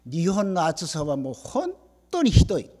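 A man from South Korea, Korean his first language, preaching a sermon with animated storytelling, acting out the dialogue and asking the congregation questions. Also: on the high side, normal speed, in a large hall. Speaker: pastor.

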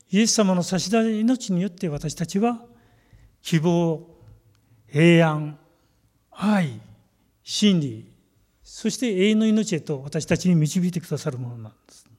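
A man giving a sermon as a pastor, measured and emphatic, stretching out key phrases. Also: sits high, mellow. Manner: measured, emphatic preaching with slow stressed phrases.

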